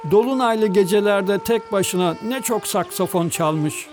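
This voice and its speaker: High-voiced man reading a storybook. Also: unhurried, over music. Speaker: storybook reader. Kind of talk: storybook narration.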